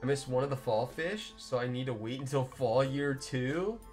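A man's voice: mid-range voice, normal speed, darkish tone, soft background music. A young man live-streaming a game, chatting loosely with viewers, rambling and swearing as he plays. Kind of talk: casual live-stream chat while playing.

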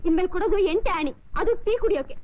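An actress playing a young woman who scolds her drunk father in a sharp, exasperated way. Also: extremely high pitch, very fast, lo-fi sound, slight background noise. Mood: scolding.

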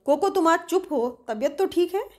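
A woman's voice: extremely high pitch, lively intonation, moderate pace, a little mellow, voice pushed up. A woman voicing Ubatun, a courteous, genial middle-aged shop manager, in a storybook reading.

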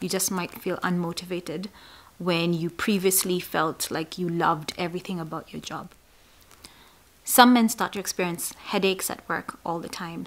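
A woman talks straight to her viewers as a psychologist, in a mid-range voice. Her delivery is emphatic, and she often sinks into a soft, near-whispered aside to press a point home. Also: medium pitch. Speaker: psychologist hosting an educational channel. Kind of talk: explanatory talk to camera.

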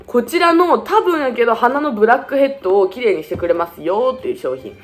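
A young woman with a chats quickly through a shopping haul and jumps between playful tangents and jokes at her own expense. Her pitch swings up and down a lot as she talks. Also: expressive, noisy background. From Fukuoka, Japan. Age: 20s. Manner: joking, self-mocking, playful tangents. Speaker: beauty vlogger. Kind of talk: casual shopping haul vlog.

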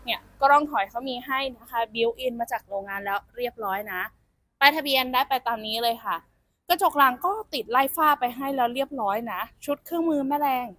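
Young saleswoman, slightly high voice, chatty and familiar, outdoor car-lot walkaround. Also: a little fast, fairly bright tone, no echo. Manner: chatty, addresses viewers as elder sibling.

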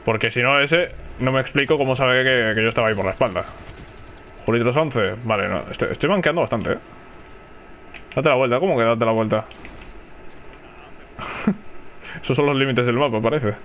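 A man's voice: medium pitch, normal speed, long pauses, fairly bright tone, slight background noise. A man with a Spanish accent from Spain, commenting live on his own gameplay, chatting and calling out to teammates. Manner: chatty, reacts aloud and calls to teammates. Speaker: gaming streamer.

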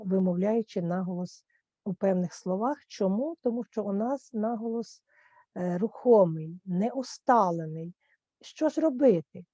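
A woman teaching a language lesson, explaining patiently and reading word lists with careful, deliberate stress. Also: medium pitch, warm tone, no room sound, dull audio. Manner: slow, careful, clearly stresses each listed word.

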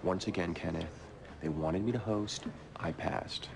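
An actor playing a vain, jealous magician in a TV comedy-drama, sarcastic and dismissive. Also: male voice, low voice, measured pace, vocal fry, background noise. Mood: scornful. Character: vain, scornful, jealous rival street magician. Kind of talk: naturalistic TV comedy-drama acting.

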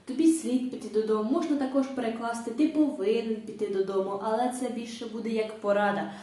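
A woman English teacher explains grammar step by step, slowing down to read each example sentence. Her voice sits a little high. She sounds set back from the microphone in a strongly echoing room. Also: steady tone, dark tone. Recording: very echoey room, distant mic.

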